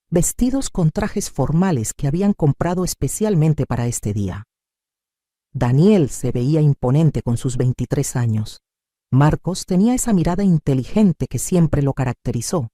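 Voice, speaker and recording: An older woman narrating her own life story in the first person, with dramatic, expressive delivery. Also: low-pitched, no room sound, studio quality.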